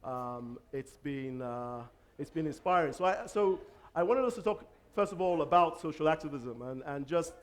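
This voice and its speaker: A man hosts an onstage interview. His voice is a little high for a man, and he speaks informally, in halting phrases that he often reworks. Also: expressive. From Lagos, Nigeria. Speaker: interviewer, event moderator.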